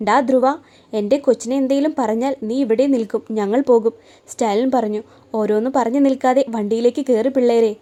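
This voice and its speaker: A woman storyteller reading a romance story aloud in a soft, gentle way, lightly voicing each character in the dialogue. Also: on the high side. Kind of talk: scripted narration of a romance story.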